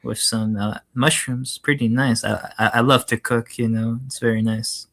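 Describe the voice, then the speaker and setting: A man with a bright, forceful voice of middling pitch chats casually. He is inquisitive and tends to repeat his words as he goes. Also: steady tone, moderate pace, vocal fry. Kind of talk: casual chat.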